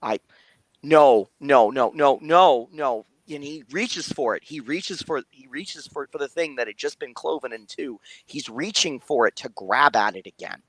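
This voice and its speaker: A man narrating a tabletop game as game master, halting and repeating words as he goes. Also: medium pitch, expressive, pushed and bright, slightly rough, no room sound.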